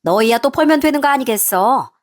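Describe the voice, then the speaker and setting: Woman putting on a shrill old mother-in-law. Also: expressive, a little fast, lightly acted. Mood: coaxing. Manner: shrill, indignant, guilt-tripping. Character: pushy scolding older mother-in-law. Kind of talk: storybook narration with acted voices.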